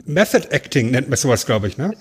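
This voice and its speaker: Slightly husky man on a podcast. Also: mid-range voice, big pitch swings, a little fast. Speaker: podcast co-host. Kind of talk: casual podcast chat about a film.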